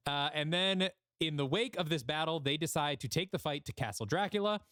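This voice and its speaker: A man's voice: fairly high pitch, a little fast, pushed and bright, no room sound, clean studio sound. A man hosting a podcast, giving a casual recap of a story. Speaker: podcast host.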